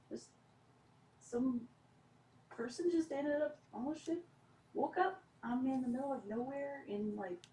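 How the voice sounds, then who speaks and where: A breezy woman streamer introduces herself and her character with easy amusement. Her voice sits fairly high but sounds mellow and soft-edged. She is distant from the mic in an echoey room. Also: a little hiss or hum. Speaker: streamer and player. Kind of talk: casual self-introduction.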